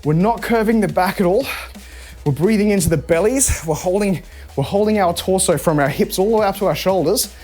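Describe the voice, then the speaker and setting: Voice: mid-range voice, fairly quick, a little mellow, soft background music. An instructor coaching a live home workout, chatty and encouraging while demonstrating the moves. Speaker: fitness instructor.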